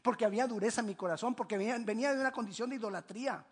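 A man preaching. He swings from ringing exclamations to hushed, low asides. He drives his points home with repeated rhetorical questions. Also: rapid-fire, husky. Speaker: pastor. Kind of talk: sermon.

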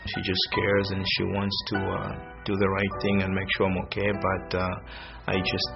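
Man from Zambia, testimony, very low flat gravelly voice, halting and reflective, dull sound over guitar. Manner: halting, reflective, many pauses and fillers. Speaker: church attender sharing testimony. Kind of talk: personal testimony interview. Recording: slightly dull sound with guitar music behind. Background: soft guitar music.

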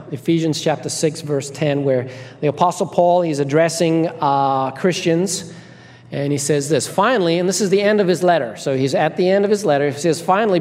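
A man's voice: fairly high pitch, darkish tone. A man preaching a sermon in a conversational way, repeating key phrases and checking in with the congregation. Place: large reverberant room, live before a congregation. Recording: reverberant hall.

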